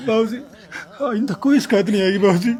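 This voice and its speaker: A man's voice: high voice, fairly quick, darkish tone, natural voice. A man playing a grown son in a family drama, urgently apologizing and pleading with his father.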